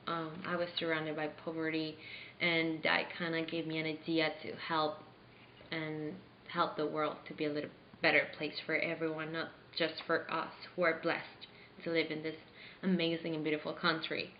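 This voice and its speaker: Young woman from Venezuela, low voice, earnest and halting, roomy slightly dull recording. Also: monotone, a little hiss or hum. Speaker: interviewee playing a charity founder. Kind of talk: staged mock interview.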